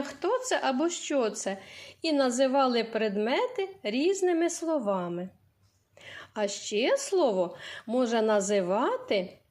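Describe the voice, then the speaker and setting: A woman's voice: on the high side, a little mellow. A woman teacher giving a literacy lesson to young children, asking simple questions and answering them herself. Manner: slow, sing-song questions to small children. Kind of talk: early-years literacy lesson.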